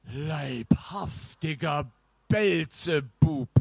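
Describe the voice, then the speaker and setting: A man's voice: on the high side, animated, very slow, creaky, slightly rough, no room sound, exaggerated voice. A man voicing a centuries-old knight mummy who speaks in stately, archaic phrasing. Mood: indignant.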